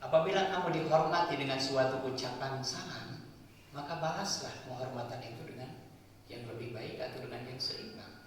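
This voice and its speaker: A man preaches in a mosque hall, talking his listeners through each point and answering the questions he puts to them. His voice carries a long, booming reverb and sounds set back from the microphone. A faint hum of room noise sits underneath. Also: moderate pace. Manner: explanatory, asks and answers his own questions, tags lines with "ya". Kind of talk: sermon. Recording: echoey hall, voice from far off.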